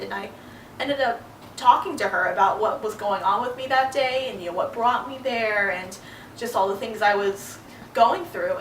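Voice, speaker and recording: A woman's voice: mid-range voice, echoey room, recorded from a distance, slight background noise, rough recording. Young woman telling a personal story. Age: young adult. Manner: earnest, halting, with fillers. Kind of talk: personal monologue.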